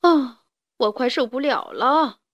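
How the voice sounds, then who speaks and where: Storybook role: jumpy little chick, high voice, quick to fret, read by a woman. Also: very animated, dry recording, dull audio, heavily acted. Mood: pained. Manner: startled, complaining. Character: young male chick, timid and fussy.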